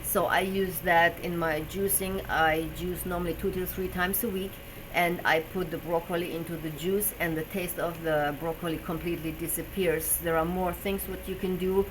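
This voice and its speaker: A German-accented woman speaks at a moderate pace in a low, steady voice against a noisy background. Hosting a casual live stream as a personal trainer, she discusses health and leans on fillers while searching for words in English.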